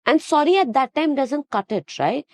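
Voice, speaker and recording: A woman, a guest telling lively stories in a casual conversation. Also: high voice, moderate pace, no room sound. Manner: animated storytelling with quoted dialogue. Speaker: guest, fitness studio owner.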